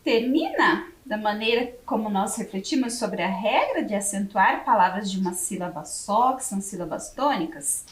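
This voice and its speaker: A Brazilian woman teacher with a Brazilian Portuguese accent, leading a word game for young children on a TV lesson and slowly spelling each word letter by letter. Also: mid-range voice, sing-song, reverberant, recorded from a distance. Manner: slow, spelling words letter by letter. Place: classroom studio for educational TV.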